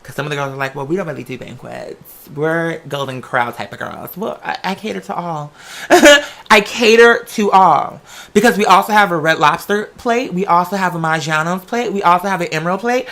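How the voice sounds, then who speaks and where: Fairly quick and a bit bright, this mid-range voice belongs to an American video creator rambling digressively in a casual vlog monologue. The delivery is sassy, campy, and theatrical, full of drag slang.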